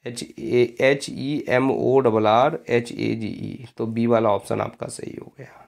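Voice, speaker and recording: Slow gravelly teacher spelling words. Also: male voice, mid-range voice, little pitch movement, darkish tone. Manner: spells words out letter by letter, slowly and deliberately; addresses students as friends. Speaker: English teacher. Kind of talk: exam-prep spelling lesson.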